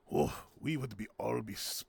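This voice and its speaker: A playful man chatting his way through a stream, with a gravelly, fry-edged voice. His pitch bounces around a lot as he laughs and jokes. The sound is close and dry, with no room around it. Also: a little mellow, no room sound. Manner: playful and giggly, with silly sound words. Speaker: streamer hosting a game night. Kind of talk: casual gameplay commentary.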